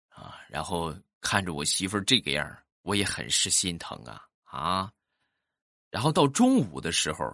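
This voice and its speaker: A man, telling comic family anecdotes in an animated way. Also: low-pitched, no room sound, studio quality. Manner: animated, acts out voices. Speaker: comic storyteller.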